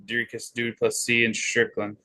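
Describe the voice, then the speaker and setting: A man's voice: medium pitch, completely flat delivery, normal speed, sharp tone. A man co-hosting a casual podcast, matter-of-fact as he lists names and facts. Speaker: podcast co-host. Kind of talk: casual chat about fights.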